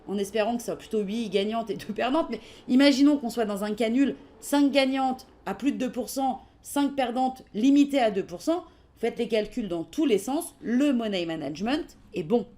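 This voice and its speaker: French-accented woman hosting a live online trading webinar; slightly high voice, relaxed and halting delivery. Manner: casual and hesitant, many fillers, answers questions while reading them. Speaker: webinar presenter for trading software.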